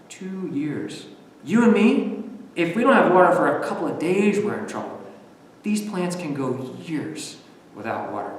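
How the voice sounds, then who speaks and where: Animated man teaching kids, echoey distance. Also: mid-range voice, slight background noise. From western United States. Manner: animated, speaking to children with questions. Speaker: nature center educator. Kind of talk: virtual field trip lesson for kids. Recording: echoey, distant, long reverb.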